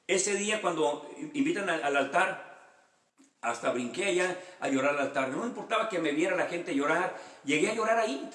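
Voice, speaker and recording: A man's voice: fairly high pitch, animated, moderate pace, fairly bright tone, echoey room. A man, a pastor giving a sermon with his own testimony, earnest and repeating phrases for emphasis. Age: 50s.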